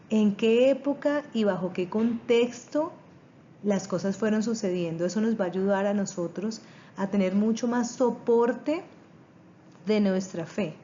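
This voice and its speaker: A woman's voice: mid-range voice, dark tone, muffled recording, a little hiss or hum. A woman teaching a seminary class on church history, speaking earnestly with a preaching tone. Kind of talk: recorded class introduction.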